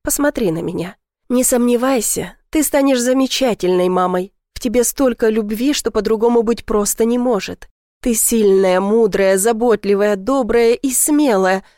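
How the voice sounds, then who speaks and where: A woman voicing a tender, adoring young boyfriend in a read-aloud story, speaking softly and slowly to reassure. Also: fairly high pitch, dry recording, clean studio sound, close to an everyday voice.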